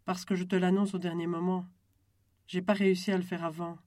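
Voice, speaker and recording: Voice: mid-range voice, flat delivery, a little fast, a little mellow, no room sound, studio quality, natural voice. Reader doing Camille, an impatient young woman. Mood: hesitant.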